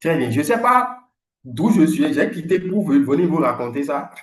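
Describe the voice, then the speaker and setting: Fortyish guy teaching english, lively storytelling, kinda high voice, echoey room. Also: moderate pace. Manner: animated, emphatic, repeats "là".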